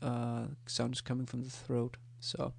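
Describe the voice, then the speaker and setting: A man giving a pronunciation lesson. He talks slowly and hesitantly, with many fillers, and repeats the sounds he teaches. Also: medium pitch, monotone, creaky. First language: Danish. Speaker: language teacher.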